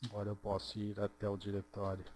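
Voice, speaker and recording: A man narrating a screen-recorded programming tutorial, walking through each step slowly and checking in with "ok?". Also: fairly low pitch, completely flat delivery, darkish tone, a little hiss or hum. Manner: slow, step-by-step, checks in with "ok?" and "certo?".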